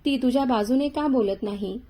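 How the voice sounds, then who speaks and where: A woman's voice: a little high, normal speed, mellow, natural voice, poor audio. A woman voicing a stern, mocking male police inspector in a spoken story, cold and accusing.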